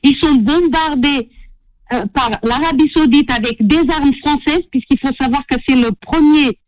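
A woman's voice: high-pitched, moderate pace, darkish tone, no echo, low-quality recording. A woman with a Portuguese accent calling in to a radio show, earnest and indignant. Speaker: caller. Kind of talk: call-in radio conversation.

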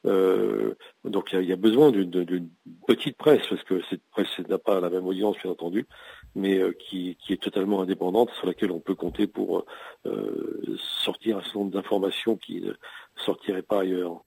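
Gravelly low-voiced man, halting speech. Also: steady tone, a little mellow, dry recording, low-quality recording. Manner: halting, many hesitations and restarts. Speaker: journalist and editorialist. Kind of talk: radio news interview.

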